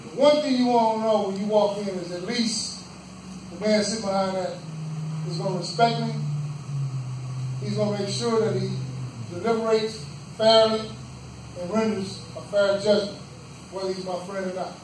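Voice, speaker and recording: A man giving a campaign speech for a judicial seat in a roadhouse event room, earnest and plain-spoken, in short phrases with pauses. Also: sits high, fairly even intonation. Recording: echoey room from far off, faint background noise.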